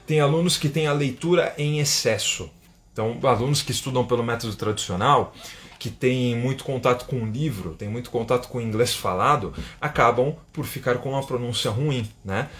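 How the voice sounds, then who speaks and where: A man's voice: medium pitch, brisk, fairly bright tone. Chatty Brazilian man teaching English live. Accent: Brazilian Portuguese. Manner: chatty, keeps asking "né?", reads viewer comments aloud. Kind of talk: live-stream English lesson. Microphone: phone or webcam for an Instagram live.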